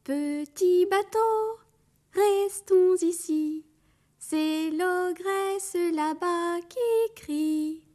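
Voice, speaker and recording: A woman voicing a clever little fisher boy in a storybook, singing gentle lullaby-like refrains to his boat. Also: very high-pitched, animated, measured pace, soft background music, voice pushed up. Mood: singsong. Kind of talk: storybook character voice.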